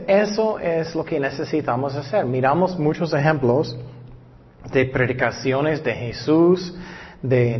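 A man preaching a sermon, reading scripture slowly and deliberately, with hesitant pauses and frequent fillers. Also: mid-range voice. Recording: dull recording with long reverb.

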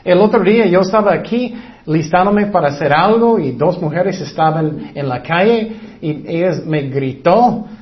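A man's voice: sits high, expressive, normal speed, lo-fi sound. A man preaching an informal sermon in a conversational way, with fillers and quoted scripture.

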